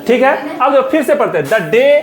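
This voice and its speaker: Woman teacher, classroom reading lesson, higher voice, repeats questions, spells words out, noisy class behind. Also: big pitch swings, a loud crowd. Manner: drills students with repeated call-and-response questions; reads English slowly word by word. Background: class of children responding.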